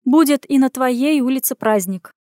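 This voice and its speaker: A woman's voice: sits high, moderate pace, warm tone, dry recording, studio quality, pitched above the performer's own voice, natural voice. A woman reading an audiobook, voicing a brash female friend who speaks bluntly and gives orders. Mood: bossy. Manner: bossy, blunt, commanding.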